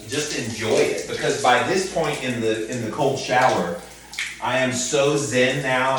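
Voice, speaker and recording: Male vlogger under a freezing shower, calm casual coaching, very echoey room, loud-ish water noise. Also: mid-range voice. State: talking while under ice-cold water. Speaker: vlogger doing a cold-water challenge. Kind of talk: casual instructional vlog chat. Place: open shower in a hotel bathroom. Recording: echoey bathroom, distant mic, noisy running water. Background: running shower water.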